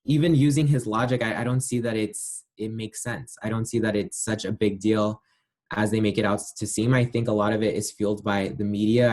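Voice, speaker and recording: A man with a lowish, slightly mellow voice gives casual answers in an interview as the guest. He shares his views thoughtfully, hedging often and using many fillers.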